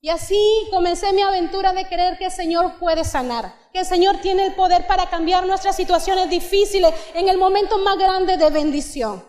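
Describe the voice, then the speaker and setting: High-voiced Mexican woman preaching in a hall. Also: moderate pace, hardly any pauses, a little mellow. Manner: earnest storytelling, rising to fervent exhortation. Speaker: guest preacher. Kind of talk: testimony sermon. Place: church hall. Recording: long church hall reverb.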